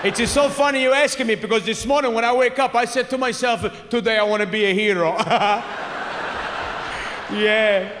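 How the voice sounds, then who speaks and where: A man's voice: high-pitched, extremely slow, background noise. A man voicing an eager immigrant passenger who talks in broken English, recorded live with hall reverb. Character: overeager immigrant passenger in exit row.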